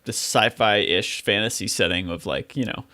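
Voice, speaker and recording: A man's voice: on the low side, normal speed, pushed and bright. A man hosting a podcast in a casual, conversational style. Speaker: podcast host. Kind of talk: casual chat.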